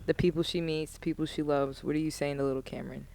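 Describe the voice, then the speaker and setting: A woman's voice: low voice, steady tone, fast, gravelly, darkish tone. A young woman hosting a podcast in casual chat, playful and teasing as she guides her guest. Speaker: podcast host.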